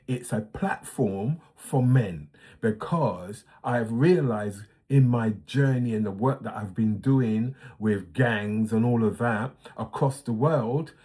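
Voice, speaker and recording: A man's voice: fairly low pitch, a little mellow, husky. A man in his sixties hosting his own series, talking earnestly and reflectively with frequent fillers and restarts. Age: 60s. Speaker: host. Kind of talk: casual monologue.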